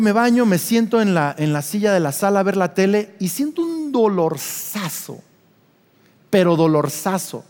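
A middle-aged man with a Mexican accent, a pastor preaching a sermon and telling a personal story in an animated way, acting out scenes and questioning his listeners. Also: a little high, big-room sound.

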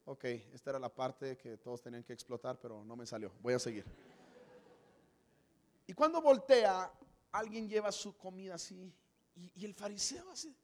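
Preaching a comedic sermon with a Mexican Spanish accent, a man with a high, slightly mellow voice animatedly acts out the story at a moderate pace. The sermon is full of acted scenes, and long hall reverb fills the recording.

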